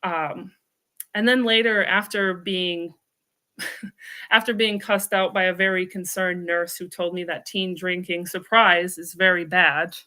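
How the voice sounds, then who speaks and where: A woman in her thirties shares her own life story as a guest on an interview show. Her voice is bright and ringing, and she speaks candidly and reflectively, now and then dropping a wry aside. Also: lowish voice, steady tone, unhurried. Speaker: guest author. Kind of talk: personal storytelling.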